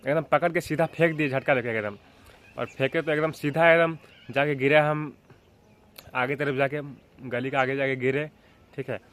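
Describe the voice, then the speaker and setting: A young man from Jharkhand, India, tells a childhood story to his vlog viewers in a relaxed, rambling way. His voice sits in an ordinary middle pitch, and he keeps checking in with the listener and clearing his throat as he talks. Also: normal speed, long pauses. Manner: rambling, with frequent filler checks like "theek hai" and "hai na". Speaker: vlogger.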